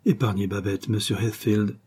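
A man's voice: lowish voice, fairly even intonation, normal speed, a little mellow, slightly rough. A man reading aloud and voicing an anxious, plain older woman who pleads earnestly in a storybook. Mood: subdued pleading. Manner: earnest pleading, rising to outcry.

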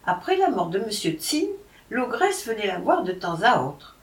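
A woman's voice: medium pitch, very animated, normal speed, close to an everyday voice. A woman reading aloud, voicing a grave man recounting an old tale. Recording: roomy, from a distance.

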